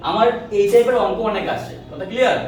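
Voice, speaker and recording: A male physics teacher lecturing a class, firing quick questions and repeating answers in a call-and-response drill. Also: high-pitched, a little hiss or hum. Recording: echoey room, mic far off.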